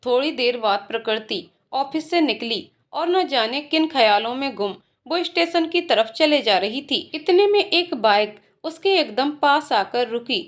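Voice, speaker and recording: Brief: woman storyteller, high voice, steady scripted narration. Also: unhurried, few pauses.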